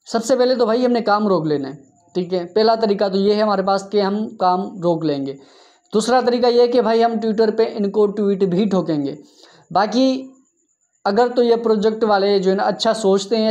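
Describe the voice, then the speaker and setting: A man hosting a crypto app channel, narrating over a screen share in an exasperated, scolding tone, often tagging his sentences with a quick "okay". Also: high-pitched, a little mellow, muffled recording. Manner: exasperated, scolding, tags lines with 'theek hai'. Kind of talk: screen-share commentary rant.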